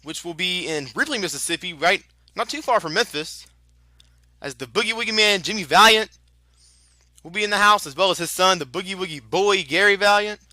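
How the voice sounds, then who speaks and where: Bright, high-voiced male lucha libre announcer. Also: fairly quick, no echo. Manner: chatty, informal, exclamatory. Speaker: wrestling announcer. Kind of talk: lucha libre play-by-play commentary with promotional plugs.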